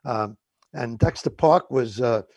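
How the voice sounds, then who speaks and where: Here a creaky, slightly mellow medium-pitched voice belongs to a Woodhaven, Queens native aged 70 or more. With a New York accent and a measured pace, he co-hosts a radio chat full of casual, rambling, hesitant memories, with no echo.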